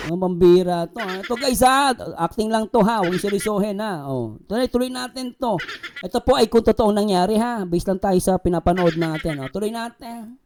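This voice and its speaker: A man's voice: high-pitched, lively intonation, fairly quick, a little mellow, a little hiss or hum. A man hosting a reaction video, commenting casually and jokingly with lots of fillers. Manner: chatty, joking, many fillers like oh and di ba. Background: background music.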